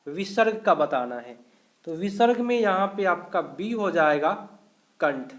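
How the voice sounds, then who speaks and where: A man teaching a live online grammar class, going through each question slowly and explaining every answer step by step. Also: high-pitched, expressive. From India.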